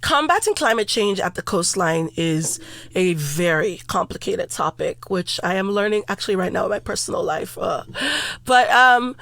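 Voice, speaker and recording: A young woman co-hosts a casual podcast, speaking candidly and bluntly and laughing easily. Her voice sits at a middle pitch. The recording is dry, with no room sound. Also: expressive, normal speed, vocal fry, a bit bright, no echo. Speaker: podcast co-host.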